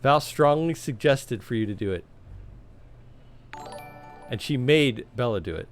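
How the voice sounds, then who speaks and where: A man live-streaming a role-playing game, reading on-screen dialogue aloud in a casual, chatty way. His voice is medium-pitched and a little worn, as if he is losing it. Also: expressive, measured pace, faint music behind. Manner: casual, chatty, laughs often, reads dialogue in plain voice.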